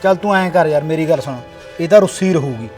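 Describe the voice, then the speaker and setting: A man's voice: on the high side, quick pace, a little mellow, faint music behind, lightly acted. A man playing a bossy village son. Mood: persuading. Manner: scolding, bossy. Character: grown village son organizing flood relief. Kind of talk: village short film acting.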